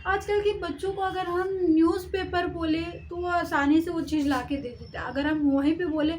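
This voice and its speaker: A woman's voice: extremely high pitch, steady tone, moderate pace, darkish tone, slight background noise, poor audio. A woman teaching Hindi vowel signs, explaining step by step and sounding out letters, sometimes stopping to correct herself. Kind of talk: explaining a lesson on writing.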